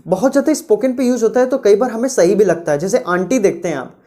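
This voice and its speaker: Woman, grammar teacher, patient step-by-step explanations, deliberate reading of examples. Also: mid-range voice, warm tone. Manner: explains patiently, repeating rules and correcting examples; reads English example sentences slowly and deliberately. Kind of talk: classroom grammar lecture.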